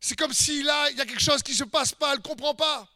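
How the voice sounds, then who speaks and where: A man with a very high, bright, ringing voice preaches an emphatic sermon. He hammers home repeated phrases, sometimes breaks into shouts, and asks the listener direct questions. The sound is dry and close. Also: fast talker, dry recording. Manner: speaks straight to the listener with questions.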